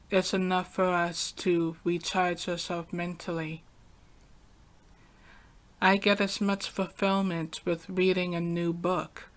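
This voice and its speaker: In a lowish voice, a young adult woman hosts a podcast, delivering a calm, soft-spoken, reflective solo monologue.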